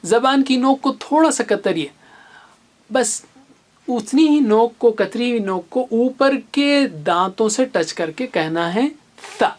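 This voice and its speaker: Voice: mid-range voice, animated. Patient teacher modeling letter sounds. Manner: slow and patient, repeats sounds for the learner. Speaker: Quran reading teacher. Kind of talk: recorded lesson with memory stories.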